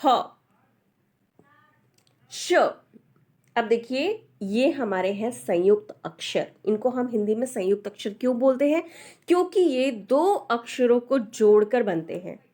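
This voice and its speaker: Slow, patient woman teacher. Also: on the high side, lively intonation, warm tone. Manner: patient, repeats letters and asks "ठीक है?". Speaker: Hindi teacher. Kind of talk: slow explanatory lesson.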